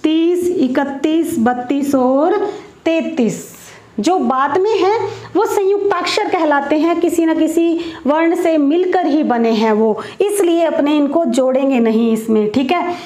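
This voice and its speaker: A woman's voice: sits high, a little slow, dark tone, roomy sound. A woman teacher giving a grammar lesson, explaining patiently and putting questions to her pupils.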